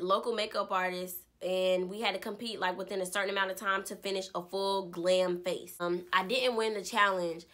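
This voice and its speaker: A young woman in her twenties casually telling an animated story about her life. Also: medium pitch. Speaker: vlogger. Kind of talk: story time vlog.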